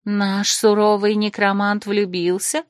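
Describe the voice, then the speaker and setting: A woman's voice: medium pitch, measured pace, no echo, clean studio sound, natural voice. A woman voicing a haughty, catty young aristocratic woman in an audiobook, drawling and reproachful.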